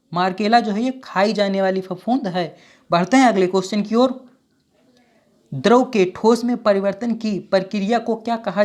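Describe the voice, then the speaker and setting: A woman teacher reading out exam questions and options and then giving each answer, with steady, repetitive phrasing. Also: medium pitch. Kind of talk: exam quiz walkthrough.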